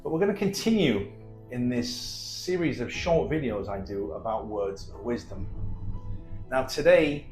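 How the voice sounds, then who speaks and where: A man presenting a guided self-help talk from inside a cable car, in deliberate, halting phrases. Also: mid-range voice, lively intonation, a little mellow. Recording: echoey small cabin acoustics, music.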